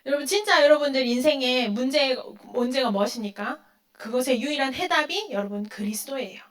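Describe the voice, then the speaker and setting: High and brisk, a woman's voice carries a youth-group sermon. She asks questions of the teens and then answers them, voicing any quotes in a theatrical, dramatic way.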